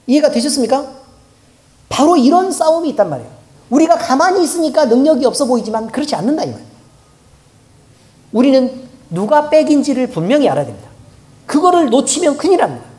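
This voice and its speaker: In a church, a woman pastor preaches a sermon in a colloquial style, often putting rhetorical questions to the congregation. Her voice is high, mellow and sing-song, and she talks fast with frequent pauses.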